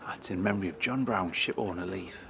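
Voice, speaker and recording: A middle-aged man with a low, gravelly voice narrates a casual walking vlog, eager and chatty as he reads inscriptions aloud. He records on a handheld camera outdoors, with clear outdoor noise and birdsong around him. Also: brisk, a bit bright. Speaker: history vlogger. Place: outdoor churchyard.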